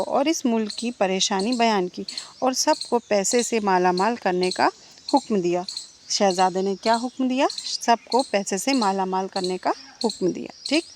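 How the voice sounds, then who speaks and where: Lady teacher going over exam notes, asks then answers herself, birds chirping loud in background. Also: mid-range voice, slight background noise. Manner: asks questions and answers them herself, repeats key points. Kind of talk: exam-prep lecture. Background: birds and insects chirping.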